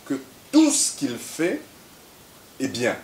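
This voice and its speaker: A man from Central Africa, an interview guest who talks haltingly, repeating words, then tells stories in a measured way. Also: medium pitch, huge pitch swings. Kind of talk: reflective conversational interview. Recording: echoey room with faint hiss.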